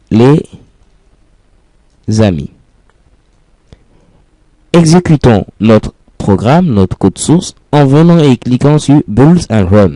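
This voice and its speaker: A man's voice: mid-range voice, mellow, dry recording. A man teaching a programming lesson in French over a screen recording, explaining patiently step by step and repeating key phrases. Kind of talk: screencast coding tutorial.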